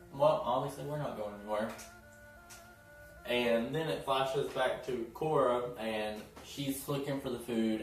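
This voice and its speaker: A man's voice: medium pitch, far from the mic. A man giving a casual, chatty episode recap, often laughing and acting out what characters said. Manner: chatty, giggly, acts out characters' lines. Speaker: TV episode reviewer. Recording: very echoey room, voice off-mic, faint music.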